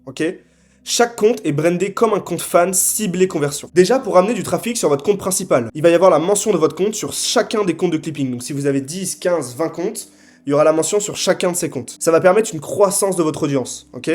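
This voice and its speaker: A young man giving a scripted sales pitch to camera, assertive and punchy, often tagging his sentences with quick check-ins. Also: lively intonation, darkish tone. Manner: assertive, punchy, frequent tag questions. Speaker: marketing consultant.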